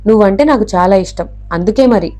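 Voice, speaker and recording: A woman's voice: mid-range voice, a little fast, a little mellow, close to an everyday voice. Woman playing a seductive scheming woman. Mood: coaxing.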